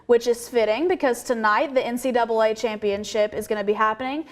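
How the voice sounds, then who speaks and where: A woman's voice: on the high side, fairly even intonation, fairly quick. A young woman hosting a casual college talk show, chatty, giggly and openly sentimental. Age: young adult. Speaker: host.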